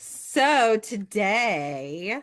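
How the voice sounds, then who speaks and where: A woman co-hosting a casual podcast, her pitch swinging freely up and down as she talks. She sounds upbeat and eager, readily cheering her co-host along. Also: big pitch swings, very slow, a bit bright. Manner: upbeat, enthusiastic, agreeable. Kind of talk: casual chat.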